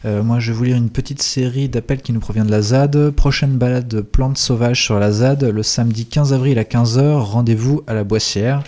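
A man's voice: mid-range voice, fairly even intonation, normal speed, hardly any pauses, a little mellow. A man on a community radio show reading out a series of event announcements. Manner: reads text with some fillers.

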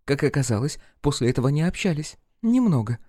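A man's voice: a little high, sing-song, a little fast, dark tone, no echo, clean studio sound. A man voicing a gossipy, scornful young woman friend in an audiobook, talking in a catty, chatty, dramatic way.

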